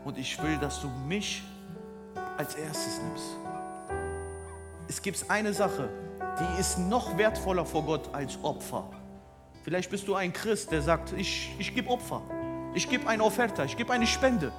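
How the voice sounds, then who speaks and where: A man preaching a sermon, dropping to hushed near-whispers and rising to loud, emphatic questions. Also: high voice, expressive, unhurried. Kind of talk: sermon with soft piano. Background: soft instrumental music.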